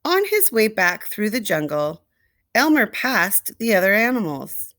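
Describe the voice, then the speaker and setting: A woman storyteller reading a picture book expressively to young children, deliberately, with asides and questions to the listeners. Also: mid-range voice, sing-song, a bit bright, dry recording, clean studio sound. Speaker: read-aloud storyteller.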